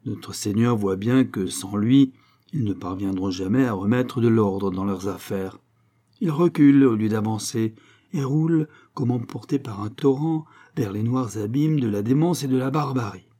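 A man's voice: on the low side, moderate pace, dark tone, lightly acted. A preachy young angel, as a man puts him on. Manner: solemn, sermonizing delivery. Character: young male angel messenger, eloquent and preachy.

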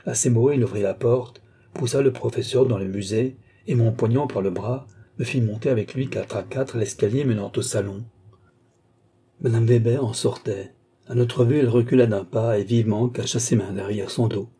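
A man reading a detective novel aloud in a steady, even storytelling manner. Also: mid-range voice, normal speed, slightly rough. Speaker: audiobook narrator.

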